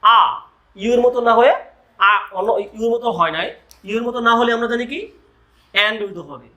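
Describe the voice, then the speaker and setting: A man teaches a grammar lesson in a high voice with a bright edge. He moves slowly and deliberately, spelling out letters one by one. He keeps asking his students rhetorical questions as he explains. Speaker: school English teacher.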